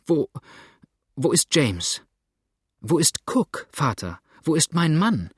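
A man's voice: fairly high pitch, very animated, takes it slowly, husky, no room sound, clean studio sound, voice pushed up, full character voice. A man voicing a frightened young wife who asks urgent, panicked questions in a raised voice.

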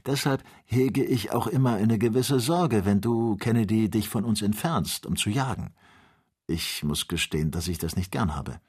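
A man reading the part of a calm, careful male doctor who leads an expedition, speaking in a measured, instructive way. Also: lowish voice, husky. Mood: earnest.

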